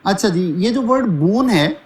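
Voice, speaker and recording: A man's voice: sits high, lively intonation, a little slow, a little mellow. Man teaching a vocabulary lecture. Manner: explains word by word, addressing "dear students".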